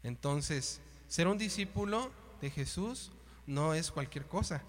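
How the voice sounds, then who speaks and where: A man gives an informal sermon from the pulpit, his voice pitched fairly high for a man. He talks conversationally, with colloquial asides and rhetorical questions. His voice rings out with a long reverb, as in a church hall. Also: expressive, takes it slowly. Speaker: preacher.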